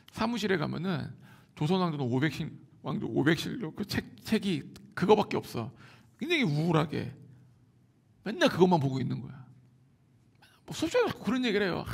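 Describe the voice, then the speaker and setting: A male pastor preaching a sermon in an animated, emphatic way, telling stories and acting out other people's voices. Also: a little high, vocal fry, slightly rough. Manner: animated, emphatic, many filler words; acts out quoted voices. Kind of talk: sermon with storytelling.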